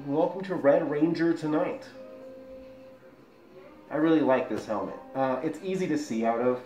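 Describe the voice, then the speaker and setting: A man speaks from inside a helmet, his voice muffled and enclosed. He chats eagerly in a fairly high voice, with faint music behind him, and the room gives an echo. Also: mellow. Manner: enthusiastic, chatty. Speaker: collectibles reviewer. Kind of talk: casual product review. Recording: echoey room.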